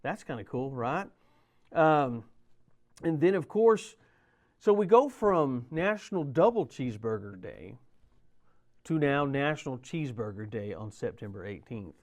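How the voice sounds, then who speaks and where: A man's voice: medium pitch, very animated, measured pace. Middle-aged guy hosting a local show, chatty and rambly, throws in little jokes. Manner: chatty, rambling, jokey asides. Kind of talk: casual chat.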